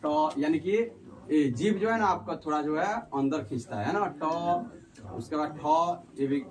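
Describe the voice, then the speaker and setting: Man teaching a noisy class from afar. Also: a little high. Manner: asks questions and repeats answers, drawn-out syllables. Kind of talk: classroom Hindi grammar lesson. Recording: distant mic, noisy class around.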